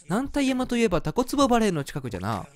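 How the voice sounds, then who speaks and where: A man voicing a gruff, boastful old male squid commander from a video game, with old-fashioned speech. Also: sits high, huge pitch swings, rapid-fire, faint music behind, pitched above the performer's own voice.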